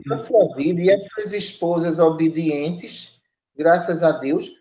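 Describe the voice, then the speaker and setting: A woman's voice: sits low, slow, dark tone. A woman, a spiritual counselor giving an emphatic, scolding talk on a spiritist study podcast, full of tag questions. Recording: roomy, dull lo-fi sound.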